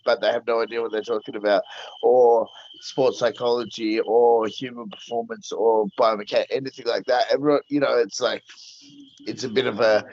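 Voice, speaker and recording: A man speaks as a fight coach in a casual interview, in a blunt, plain-spoken way. His pitch sits in the middle range. The sound is dry, close and a little dull. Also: no echo.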